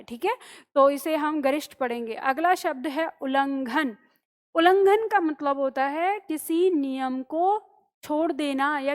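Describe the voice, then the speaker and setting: A woman teacher explaining word spellings to students, breaking words into parts and often checking with "okay?". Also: high voice. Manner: explains slowly, spells words syllable by syllable, keeps asking "okay?". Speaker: Hindi teacher.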